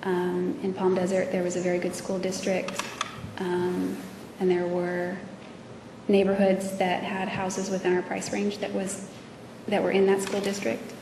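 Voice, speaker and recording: A woman testifying as a witness, speaking hesitantly with many pauses and fillers, in a courtroom recording. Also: lowish voice, completely flat delivery, gravelly. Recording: echoey courtroom audio from far off with noise.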